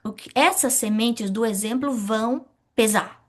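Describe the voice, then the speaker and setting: A middle-aged woman teaching a spiritist study class, asking questions and answering them herself in a lively way. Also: a little high, measured pace.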